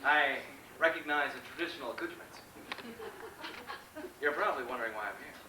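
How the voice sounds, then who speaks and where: Man playing indignant deluded space captain, theatrical stage comedy, grandiose dramatic pauses, distant mic, clear background noise. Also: on the high side, natural voice. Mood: confiding. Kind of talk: theatrical comic stage monologue. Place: indoor stage performance. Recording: roomy, distant mic, noisy stage recording.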